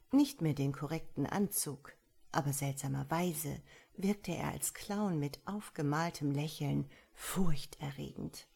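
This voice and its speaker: Slow, low-voiced, husky woman narrator. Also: darkish tone. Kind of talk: audiobook narration.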